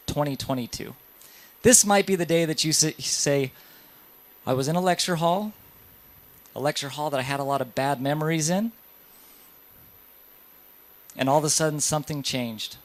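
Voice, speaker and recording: A man in his thirties lectures a roomful of dentists, his voice sitting a little high for a man. He tells stories with plenty of swing and puts questions straight to the audience. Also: normal speed, pauses often. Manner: lively storytelling, addresses audience directly. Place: lecture hall.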